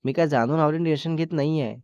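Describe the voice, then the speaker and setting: A man's voice: on the high side, quick pace, darkish tone, no room sound, dull audio, pitched above the performer's own voice, lightly acted. A man putting on a pleading anxious young woman. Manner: pleading, repeats "please".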